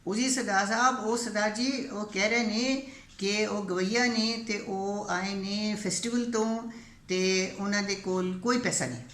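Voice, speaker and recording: An older woman storyteller voicing a rough, suspicious male highway robber who calls out loudly, in a roomy recording. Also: sing-song. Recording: roomy echo, faint background hiss.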